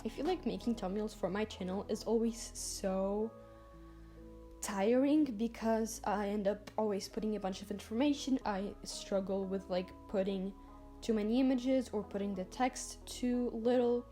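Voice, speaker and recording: A woman's voice: mid-range voice, normal speed, mellow, faint music behind. A teenage girl talking casually as a vlogger about her design work, chatty and full of "like" fillers. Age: teens. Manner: chatty, lots of "like" fillers, gushing. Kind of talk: casual vlog talk over screen recording.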